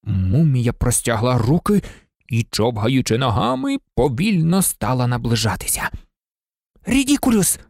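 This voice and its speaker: Expressive book narration, lively pitch swings, dry close sound, mid pitch. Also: moderate pace, no room sound. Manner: animated, shifting pitch for drama. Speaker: audiobook reader.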